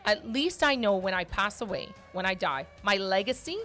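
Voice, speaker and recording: A woman's voice: medium pitch, expressive, moderate pace, pushed and bright, soft background music. A woman in her forties hosting a casual motivational talk show. She speaks emphatically, repeats her points and often ends with "right?". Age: 40s. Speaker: podcast host.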